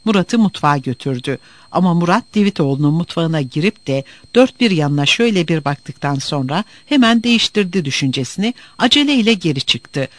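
Expressive male storyteller, high lively voice. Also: brisk, dry recording. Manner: expressive, dramatic reading. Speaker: narrator. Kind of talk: storybook narration.

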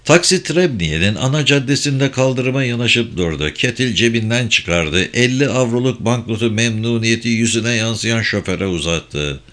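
A man narrating a thriller audiobook in a steady, measured reading voice. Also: medium pitch.

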